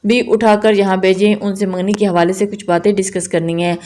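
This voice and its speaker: A woman's voice: medium pitch, flat delivery, slight background noise, close to an everyday voice. A woman voicing a jovial, teasing elderly man who speaks politely and formally in a read-aloud romance novel. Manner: gentle, polite, formal speech. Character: jovial elderly father-in-law, fond and teasing.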